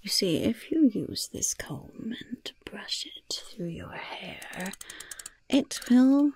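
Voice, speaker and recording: Speaking close to the mic in a breathy, gravelly whisper, a woman voices a sly goblin shopkeeper selling poisons and curses in an ASMR roleplay. Her slightly high voice is expressive and a little mellow, moving at a slow pace, with a gleefully understated, coaxing tone.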